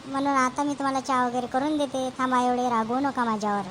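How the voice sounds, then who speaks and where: A woman's voice: high-pitched, level tone, fast, fairly bright tone, slight background noise, rough recording. Woman playing a put-upon Varhadi wife. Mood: apologetic. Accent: Varhadi Marathi. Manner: pleading, complaining back. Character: put-upon young wife and daughter-in-law. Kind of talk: village comedy skit.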